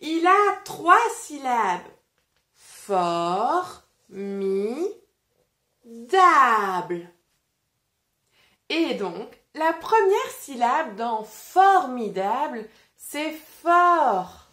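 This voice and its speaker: A woman teacher reads a children's book and breaks words into syllables, speaking very slowly and clearly. Her voice is fairly high and swings lively up and down. The room adds a noticeable echo. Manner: slow, clearly articulated, animated teacher voice. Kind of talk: interactive storybook reading and phonics lesson. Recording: roomy echo.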